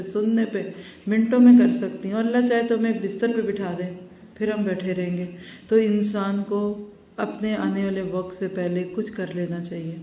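A woman leads a Quran lesson, reciting verses and then explaining them steadily. She sits well back from the mic, and the room adds a noticeable echo. The recording is dull and lo-fi. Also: mid-range voice. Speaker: Quran teacher. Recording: roomy, distant, dull lo-fi recording.

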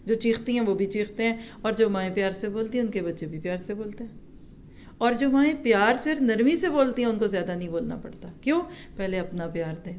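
A woman religious teacher giving an earnest, lively parenting lecture, going from emphatic to soft. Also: medium pitch, highs cut off, a little hiss or hum.

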